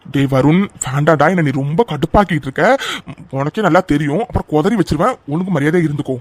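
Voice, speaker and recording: Guy doing a young cartoon husband, worried but jokey with his buddy, quick and high. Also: no echo, studio quality, close to an everyday voice. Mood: casual. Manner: casual, teasing banter. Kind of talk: cartoon voice acting.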